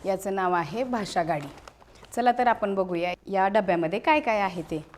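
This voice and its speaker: A woman's voice: mid-range voice, lively intonation, normal speed, a little hiss or hum. A woman teacher with a Marathi accent walks a pupil through a classroom teaching aid. She speaks patiently and coaxingly, asking one question after another and echoing each answer back.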